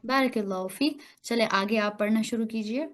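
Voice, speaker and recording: A woman's voice: a little high, normal speed, a bit bright. A woman with an Urdu accent teaching an online class over a video call, patiently correcting her students' pronunciation point by point. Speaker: online Quran recitation teacher.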